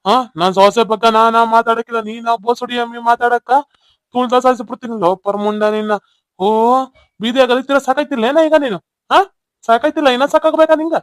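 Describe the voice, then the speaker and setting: A man's voice: very high voice, fast, dry recording. A man doing a hot-tempered scolding village elder. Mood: furious. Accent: North Karnataka Kannada. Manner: scolding, abusive, shouting threats. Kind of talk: cartoon voice acting.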